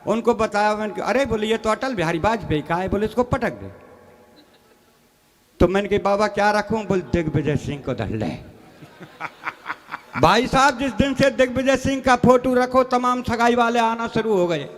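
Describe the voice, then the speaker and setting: A man's voice: sits high, animated, moderate pace. An older man reciting comic stories as a stage poet, folksy and full of rustic dialect. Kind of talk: stage comedy poetry recital. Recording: echoey hall reverb.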